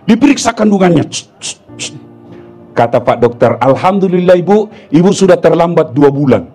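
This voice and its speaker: Man, high voice, humorous sermon, acted jokes, loud scolding, faint music behind. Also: animated, brisk. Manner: playful, switches to shouted scolding of the women listeners. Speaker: Islamic preacher.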